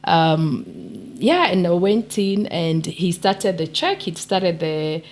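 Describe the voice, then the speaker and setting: A woman from Kenya with a croaky, slightly low voice tells a personal story on a podcast. She is animated and acts out what others said. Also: slow pace. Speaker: podcast co-host.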